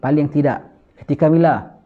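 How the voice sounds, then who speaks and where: A man giving a gentle, repetitive sermon and prayer as a religious teacher, mixing in English words and Arabic recitation. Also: a little high, moderate pace. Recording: tinny phone-like online recording.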